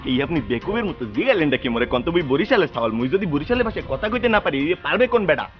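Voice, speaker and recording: A man with a Barishal Bengali accent, boasting in brash, rapid dialect banter in a TV comedy drama. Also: a little high, very animated. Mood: boastful. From Barishal region, Bangladesh. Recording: dull lo-fi TV audio with music.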